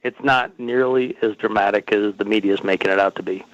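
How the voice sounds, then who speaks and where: Calm male caller heard over a muffled phone line, dry and level-voiced. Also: lowish voice, a little fast, no echo. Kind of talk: call-in chat.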